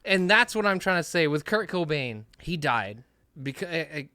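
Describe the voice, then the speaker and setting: A man's voice: fairly high pitch, big pitch swings, moderate pace, bright, forceful tone, clear, resonant tone, dry recording. A man co-hosting a casual podcast, talking bluntly and with emphasis, swearing now and then. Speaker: podcast co-host.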